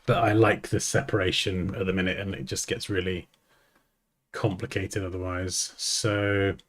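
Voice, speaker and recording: A man's voice: deep voice, flat delivery, normal speed, a bit bright. Chatty man talking through a tutorial. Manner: chatty, thinks aloud, jokes at himself. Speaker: design tutor. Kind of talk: casual screen-recorded software tutorial.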